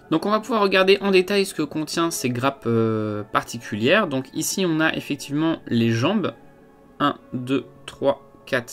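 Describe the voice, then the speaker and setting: A man's voice: medium pitch, a bit bright. A man giving a casual unboxing review of miniature figures, talking with many hesitations and fillers. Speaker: wargaming hobby reviewer.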